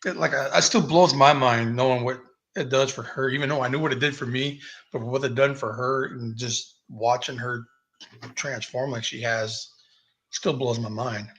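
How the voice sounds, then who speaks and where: A man with a bright, forceful voice speaks as a guest on a relaxed livestream chat. He talks earnestly and with amazement, stringing his thoughts into loose run-on sentences. His pitch sits in the middle range. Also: moderate pace, rough recording.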